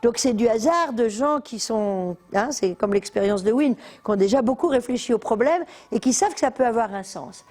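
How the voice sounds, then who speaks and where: An older woman lectures a room full of listeners. Her voice sits fairly high yet stays mellow and soft-edged. She talks in a lively, chatty way, full of asides and hesitations. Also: moderate pace, hardly any pauses. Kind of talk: live lecture to an audience. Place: lecture hall.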